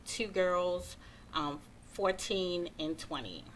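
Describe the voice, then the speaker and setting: A woman's voice: lowish voice, takes it slowly, a little hiss or hum. A woman in her forties from Baltimore, a guest on a dating talk show, speaking hesitantly with many fillers. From Baltimore, Maryland. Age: 40s.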